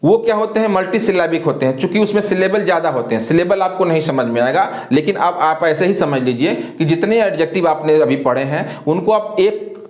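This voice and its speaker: A man teaching an English grammar lesson, who asks questions and answers them himself, slow and deliberate, often spelling words letter by letter. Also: a little high, expressive, reverberant. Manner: slow and deliberate, repeats filler phrases.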